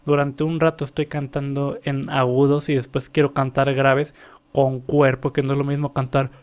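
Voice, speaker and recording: A man's voice: mid-range voice, level tone, moderate pace, clean tone. A young man breaking down a singer's vocal technique in a casual way, stopping to sing short examples. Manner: explains with sung demonstrations. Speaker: vocal coach analyzing a singer.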